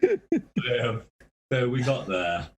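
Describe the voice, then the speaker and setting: A man's voice: medium pitch, wildly swooping pitch, extremely slow, a little hiss or hum. A man, a touring metal musician, telling rambling, swear-filled tour stories on a podcast. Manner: rambling, swears constantly, laughs through his stories. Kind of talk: casual storytelling on a podcast.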